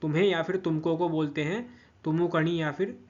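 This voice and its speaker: A man's voice: on the high side, fairly even intonation, fairly quick, darkish tone, muffled recording. A man giving a patient grammar lesson, repeating each word form and checking in with listeners often. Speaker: language teacher.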